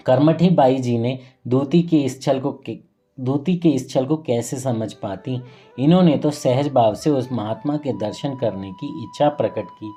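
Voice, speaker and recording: With a mellow, medium-pitched voice, a man narrates a saint's life story in an earnest, reverent devotional style. Now and then he corrects himself mid-phrase.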